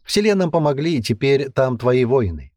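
A man voicing a sly hooded male adviser who speaks in a measured, quiet way. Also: big pitch swings, no room sound, close to an everyday voice. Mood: calm. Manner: measured, low-key.

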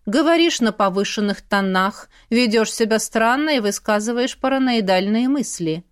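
A woman doing a calm, clinical brother. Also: on the high side, normal speed, clean tone, lightly acted. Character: calm, reasoning young brother.

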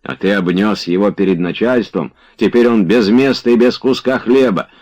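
A man voicing a crude, bullying middle-aged man who shouts abuse in an audiobook reading. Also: fairly low pitch, normal speed, lightly acted. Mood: shouting, abusive. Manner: shouting, abusive, blustering.

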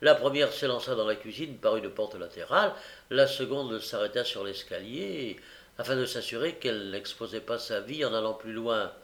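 A man reading a novel aloud as an audiobook, unhurried, with frequent hesitant fillers. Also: mid-range voice, fairly bright tone. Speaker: audiobook reader.

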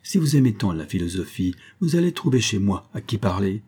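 A man's voice: on the low side, big pitch swings, brisk, slightly rough. A man voicing a spirited, teasing young stage actress in a read-aloud historical story, raised well above his own voice. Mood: playful. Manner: bright, teasing, pleading. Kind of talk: audiobook reading.

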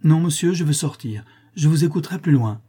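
A man's voice: fairly high pitch, expressive, brisk, warm tone, slightly rough, pitched above the performer's own voice. Mélite, a man doing a trembling young lady. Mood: alarmed.

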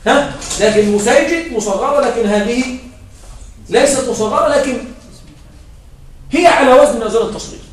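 A man's voice: very high-pitched, brisk, long pauses, slight background noise. A man teaching grammar in a classroom lecture, repeating his points and checking understanding with short questions. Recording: echoey room, mic far off.

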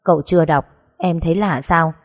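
A woman voicing a reserved young husband who answers quietly and thoughtfully. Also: low voice, fairly quick, no echo, studio quality. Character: calm, reserved young husband, eldest son.

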